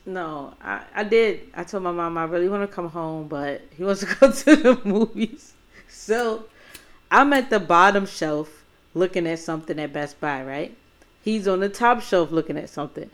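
A woman's voice: fairly low pitch, moderate pace. A young woman co-hosting a casual chat, telling a dating story bluntly and with profanity, laughing often.

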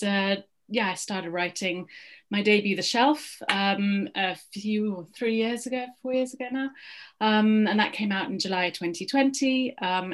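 Breezy, chatty woman novelist. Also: mid-range voice. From Zimbabwe. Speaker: guest novelist. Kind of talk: casual conversation.

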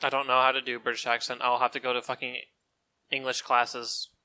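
A man's voice: mid-range voice, monotone, brisk, pushed and bright, clear, resonant tone. A man on a podcast who talks bluntly, swears constantly and sounds exasperated in casual banter.

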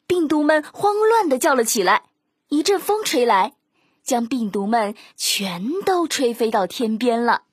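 A woman's voice: a little high, sing-song, a little slow, slightly rough, no echo, clean studio sound. A woman narrating a children's story in a sing-song, coaxing way.

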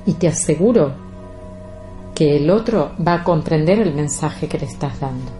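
A woman, hosting a reflective podcast and speaking slowly and deliberately straight to her listeners. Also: low voice, expressive, dark tone, faint music behind. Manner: slow, deliberate, addresses listeners directly. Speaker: podcast host.

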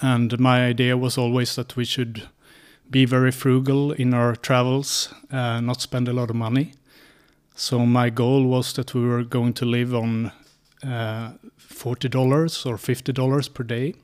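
Swedish man in his thirties, native Swedish speaker, interview guest, methodical delivery, frequent filler pauses, mid-pitched voice. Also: clear, resonant tone. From Sweden. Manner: steady, methodical telling with many "uh" pauses. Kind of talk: casual interview answers.

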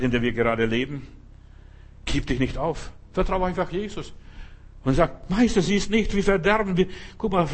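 Husky-voiced man preaching with fervor. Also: fairly high pitch. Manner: storytelling, then forceful exhortation with bursts of emphasis; restarts and repeats words often, asks "verstehst du?". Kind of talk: sermon.

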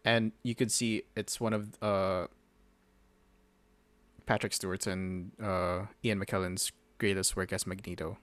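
A man's voice: low voice, level tone, unhurried, fairly bright tone, no room sound. A young man co-hosting a casual podcast chat, laid-back, stammering and restarting his sentences. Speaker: podcast co-host.

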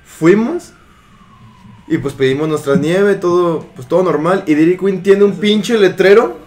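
High-voiced young Mexican man telling a story. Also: a little slow, darkish tone. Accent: Mexican Spanish. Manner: slangy, laughing, acts out the people in his story. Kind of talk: casual storytelling among friends.

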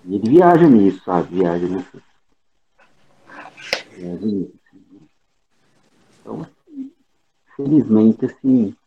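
Man, lowish husky voice, on a video call with his phone held away, tinny phone line, hesitant and repetitive. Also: animated, slow pace, long pauses, a little hiss or hum. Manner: hesitant, repeats words and restarts. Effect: talking on a video call with the phone held away, sound low and distant. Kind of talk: casual group video-call chat.

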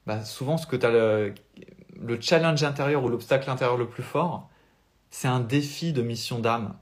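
A man's voice: medium pitch, moderate pace. A young French man with a French accent, a spiritual life coach giving an earnest, motivational talk on a live stream without notes.

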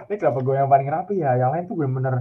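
Young male student, from Indonesia, chatty and animated; tinny phone-line sound. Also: medium pitch, racing. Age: young adult. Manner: chatty, animated storytelling with laughs. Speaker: student abroad. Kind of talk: casual video call chat. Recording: tinny phone-like call audio.

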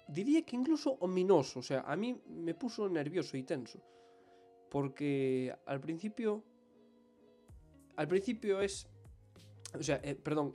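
A young man co-hosting a podcast, voice sitting a little high as he tells an anecdote with animated energy. He is talking casually with his friend. Soft music plays faintly behind him. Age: young adult. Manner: animated storytelling, self-conscious about his accent. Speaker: podcast co-host. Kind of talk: casual chat.

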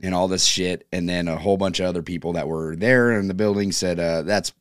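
A man's voice: deep voice, fairly even intonation, a little fast, dry recording, clean studio sound. A man hosting a casual wrestling podcast, talking like a profane, slangy frat bro. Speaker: podcast host.

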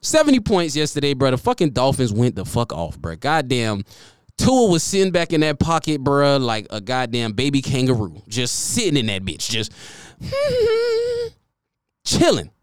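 Animated, profane young man ranting. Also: normal speed, clear, resonant tone, no room sound, clean studio sound. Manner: animated, profane, swings between loud excitement and low muttering. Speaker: sports commentary vlogger. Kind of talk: casual sports rant.

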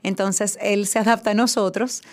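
A woman's voice: medium pitch, fairly even intonation, normal speed, a little mellow. A woman, an actress chatting enthusiastically as a guest in a radio interview. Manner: effusive, enthusiastic.

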